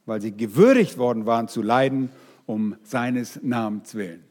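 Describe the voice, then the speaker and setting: A man preaching a sermon, speaking straight to his congregation in a lively way. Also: mid-range voice, moderate pace, in a large hall. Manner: lively, addresses the congregation directly.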